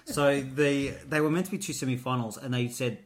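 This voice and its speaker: A man's voice: medium pitch, a little fast. Chatty man with a North Queensland accent. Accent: North Queensland Australian. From North Queensland, Australia. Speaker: co-host of a Eurovision show. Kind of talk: casual chat.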